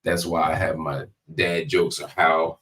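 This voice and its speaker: A man's voice: very deep voice, level tone, unhurried, fairly bright tone. A man hosting live political commentary from a hospital room, talking straight to his viewers in an emphatic, conversational way with repetition for effect.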